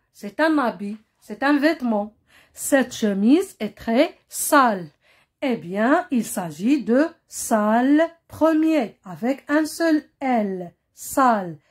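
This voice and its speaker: Slow, patient woman teacher. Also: high-pitched. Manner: patient, repeats words, checks with "hein?" and "compris?". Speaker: primary school teacher. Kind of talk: slow classroom explanation.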